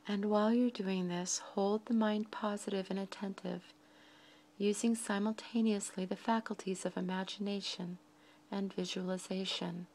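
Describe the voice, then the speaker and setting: A woman guides a meditation in a soft, breathy, mid-range voice with fairly even intonation. She speaks slowly and deliberately in short phrases, pausing often.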